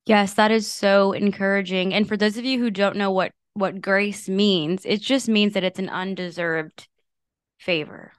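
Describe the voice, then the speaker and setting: A woman's voice: medium pitch, steady tone, a little slow, clean tone, dry recording, clean studio sound. Enthusiastic woman co-hosting Bible podcast. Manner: bubbly, enthusiastic, casual fillers. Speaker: podcast co-host. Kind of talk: Bible study podcast chat.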